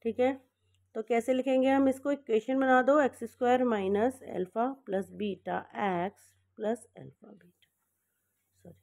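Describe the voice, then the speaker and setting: A woman with a fairly high voice teaches a maths lesson one step at a time. She keeps checking in with her students and corrects her own slips as she goes. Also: vocal fry, a little mellow.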